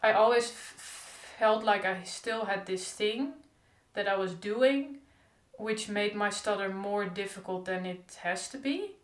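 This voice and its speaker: This casual diary vlog features a young woman who stutters openly and repeats sounds while talking at a measured pace in a mid-range voice. Echo from the room is noticeable.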